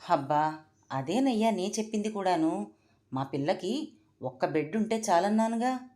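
A woman's voice: deep voice, expressive, normal speed, warm tone. A woman voicing the blunt, stubborn mother of an actress in a brusque, indignant manner.

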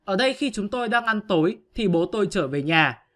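A man's voice: sits high, expressive, brisk, fairly bright tone. A male teacher giving an online grammar lesson, patiently explaining step by step to his pupils.

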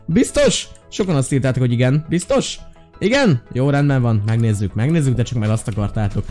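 A man hosting a gaming channel, giving excitable commentary, talking to his viewers and squealing with delight. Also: medium pitch, soft background music. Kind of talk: let's play commentary.

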